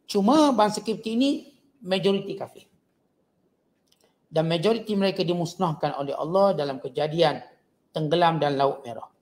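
A man with a Malaysian Malay accent giving a Quran commentary lecture, slowly chanting Arabic verses and then explaining them plainly to his audience. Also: a little high. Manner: slow, drawn-out recitation of Arabic verses between plain explanation; addresses the audience directly as gentlemen. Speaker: religious teacher.

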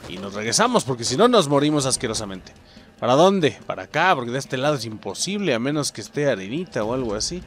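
A man with a Mexican accent doing excitable let's-play commentary, swearing and exclaiming at the game while talking to viewers. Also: mid-range voice, fast, faint music behind. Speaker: gameplay commentator.

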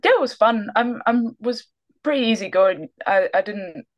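This young Scottish basketball player, interviewed casually over video from a small room indoors, speaks at a medium pitch and normal speed in an animated way. Her recording has the highs cut off, and she's relaxed, frequently trailing off into laughter.

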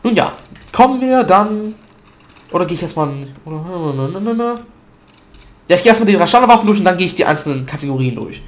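Brisk and expressive, with a voice that sits high, a gaming video commentator chats loosely through gameplay despite a cold-blocked nose. Fillers and self-corrections are frequent, and he's recorded at a desk mic at home.

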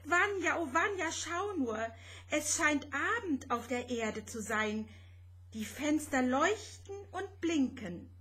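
A woman's voice: high-pitched, animated, takes it slowly, pushed and bright, pitched above the performer's own voice, heavily acted. A woman voicing a timid, homesick little girl spaceship who talks in an anxious, whiny way. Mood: excited.

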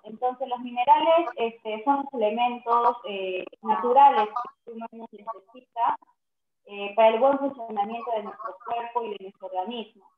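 A woman's voice: a little high, normal speed. Student, female, online presentation; echo-heavy, phone-thin audio. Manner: reads steadily with many "eh" fillers. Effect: echo on her voice over an online class call. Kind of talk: class presentation. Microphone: video call. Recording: echoey tinny video call audio.

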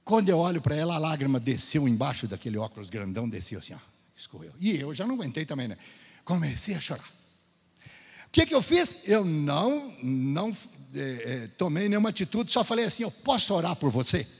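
A man from Brazil giving a testimony sermon in a church, his husky, fairly high voice swinging up and down as he acts out each exchange. The long hall reverb of the sanctuary trails behind his words. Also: a little fast. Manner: storytelling, lively, acts out dialogue. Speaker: Gideon speaker at church.

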